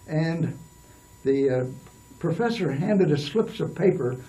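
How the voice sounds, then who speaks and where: Older man, interview guest, rambling anecdotal delivery, slightly raised pitch, mellow tone, mic a bit distant. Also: expressive, slow. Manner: rambling, with many restarts and fillers. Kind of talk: storytelling in a casual interview.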